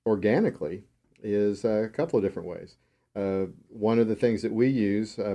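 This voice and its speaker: A man co-hosting a radio call-in style show, talking in a relaxed, unhurried chat. His voice sits fairly low and sounds dark and mellow. He chuckles easily and explains things at length. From Texas.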